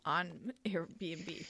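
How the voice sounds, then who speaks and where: A woman hosting a podcast, talking in a brisk, chatty way and laughing easily. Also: lowish voice, pushed and bright, dry recording. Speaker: podcast host. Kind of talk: casual podcast chat.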